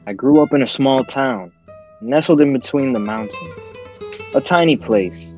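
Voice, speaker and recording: A man's voice: mid-range voice, animated, normal speed, darkish tone, soft background music, close to an everyday voice. Man playing a commanding, grandiose crime lord, dull sound. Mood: solemn, commanding. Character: commanding, shadowy male crime lord, menacing and philosophical. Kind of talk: dramatic audio drama acting.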